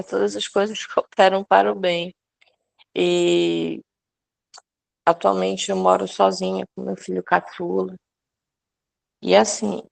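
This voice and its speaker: A woman's voice: medium pitch, gravelly. A woman sharing a personal testimony with a prayer group, talking earnestly with many restarts and fillers.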